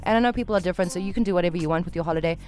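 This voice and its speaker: A woman's voice: lowish voice, racing, darkish tone. South African woman hosting casual radio chat. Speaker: radio show host.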